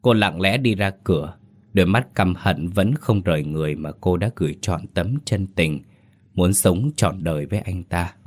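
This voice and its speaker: A man with a deep, low voice reads a dramatic story aloud. His delivery is steady and even, in the manner of scripted narration. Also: moderate pace.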